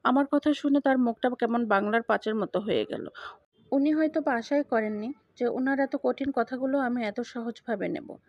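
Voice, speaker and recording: A woman narrating a first-person story in an even, matter-of-fact way. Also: a little high, normal speed, no echo. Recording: dull lo-fi dry recording.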